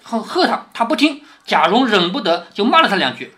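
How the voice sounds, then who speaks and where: A man reading a classic novel aloud to his daughter and explaining it in plain words as he goes, often checking in with "isn't it?" and dropping low and soft on those questions. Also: very animated, brisk. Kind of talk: explanatory read-aloud storytelling.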